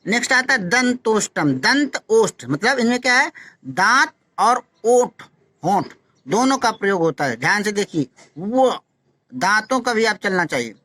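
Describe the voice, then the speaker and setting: A male teacher giving a phonetics lesson, who slowly demonstrates each sound, repeats syllables and urges his students to practise. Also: sits high, very animated, bright, forceful tone, dry recording.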